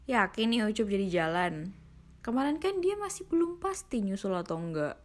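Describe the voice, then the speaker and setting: A woman's voice: medium pitch, very animated, normal speed. Woman reading as a worried young male driver.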